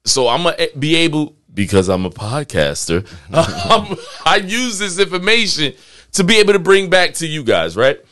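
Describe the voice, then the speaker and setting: Podcast host, man in his forties, emphatic casual talker, somewhat higher pitch. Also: very animated, moderate pace, bright, forceful tone. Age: 40s. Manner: emphatic, repeats himself, slangy.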